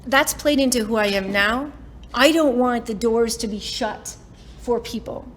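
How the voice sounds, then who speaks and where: A woman's voice: on the high side, unhurried, a little hiss or hum. A woman in her forties giving a motivational talk to a live audience, chatty and self-mocking, often laughing between lines. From Canada. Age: 40s. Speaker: keynote speaker. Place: summit stage in front of an audience.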